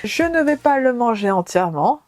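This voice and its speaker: A woman's voice: a little high, big pitch swings, moderate pace, a little mellow, no room sound. A woman talking casually to camera as a vlogger, with a wry, playfully dramatic way of speaking. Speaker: vlogger doing a food challenge.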